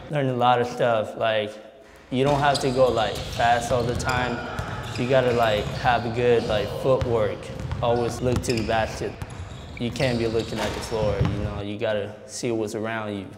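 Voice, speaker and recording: Teen player from Costa Rica, flat-toned casual talk; reverb, music behind. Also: male voice, medium pitch, normal speed, background noise. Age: teens. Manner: upbeat, loose casual talk. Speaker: high school player. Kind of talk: interview.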